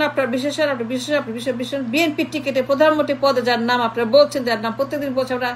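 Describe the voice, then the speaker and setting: A woman's voice: high-pitched, slight background noise. A woman delivering a mocking political monologue, piling up repeated insults and dropping into English phrases. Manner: repetitive, mocking lists of insults, switches into English. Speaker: political commentator.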